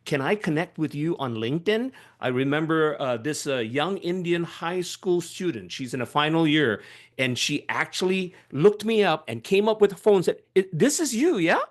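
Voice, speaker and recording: Animated man speaking on a panel. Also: a little high, moderate pace. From Malaysia. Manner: animated, emphatic, with many restarts and fillers. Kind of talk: webinar panel talk.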